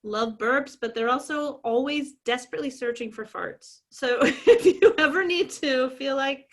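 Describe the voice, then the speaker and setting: A woman's voice: high voice, normal speed. A woman casually hosting and judging a silly contest, joking in a playful, crude way. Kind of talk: casual joking banter with scoring.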